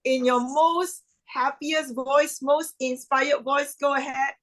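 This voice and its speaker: Upbeat woman emcee on a video call, high voice, formal phrasing. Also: fairly even intonation, slow, fairly bright tone, rough recording. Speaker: event host. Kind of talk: online event emceeing.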